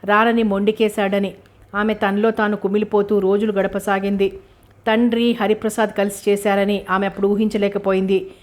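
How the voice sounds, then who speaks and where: A woman narrates a novel chapter, reading both the story and the characters' dialogue. Her voice stays flat and level, with little rise or fall in pitch, and moves along at a steady reading pace. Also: moderate pace.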